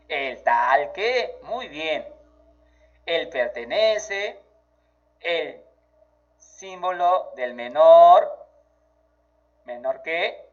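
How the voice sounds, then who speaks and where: A man gives a children's math lesson in a high voice that swings up and down. He talks slowly and keeps encouraging the child. The audio sounds dull and lo-fi. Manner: slow, encouraging, praising the child. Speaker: teacher.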